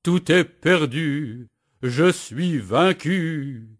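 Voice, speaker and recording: A man voicing a big, blustering male woodcutter with a mustache, shouting indignant outbursts in a children's storybook reading. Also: fairly low pitch, slow pace. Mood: defeated.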